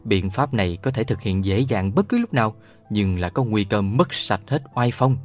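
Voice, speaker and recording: Lively male storyteller reading a novel. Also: fairly low pitch, moderate pace, faint music behind. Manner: lively storytelling, voices all the characters. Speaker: audiobook narrator. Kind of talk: scripted narration of a children's novel.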